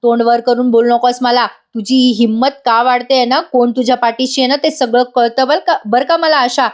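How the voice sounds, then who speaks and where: A woman voicing a sharp-tongued older aunt from a TV serial who scolds the household. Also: on the high side, steady tone, moderate pace, close to an everyday voice. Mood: scolding. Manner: scolding, harsh.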